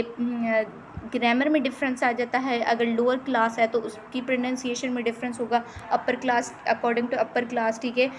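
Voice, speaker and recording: A woman from Pakistan teaching a lecture on English dialects, explaining in Urdu with English terms and slowly reading out English passages. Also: a little high, slight background noise, low-quality recording. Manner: often adds "theek hai" between points.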